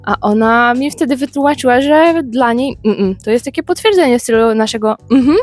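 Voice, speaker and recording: Lively young woman vlogger, higher voice. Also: fairly quick, faint music behind. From Poland. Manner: lively, expressive storytelling. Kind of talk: casual talk to camera.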